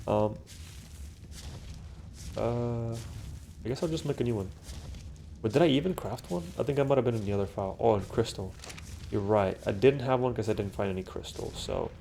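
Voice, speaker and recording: Speaking from his room at home, a young man with a congested nose gives laid-back commentary on a game he plays alone, full of rambling, swearing, fillers, and false starts. His lowish voice is gravelly and mellow, and there's a little hiss or hum on the recording.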